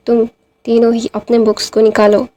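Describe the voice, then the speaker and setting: A woman's voice: fairly high pitch, completely flat delivery, moderate pace, warm tone, lightly acted. A woman voicing an irritated, snappish young husband who scolds his partner and children. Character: irritated sharp-tongued young husband and parent.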